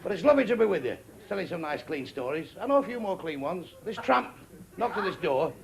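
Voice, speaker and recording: A man's voice: sits high, very animated, vocal fry. A man doing a crude, brash stand-up comedy routine before a live audience in a comedy venue. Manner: brash, crude joke-telling with quick quoted exchanges. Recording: noisy live room with a laughing crowd.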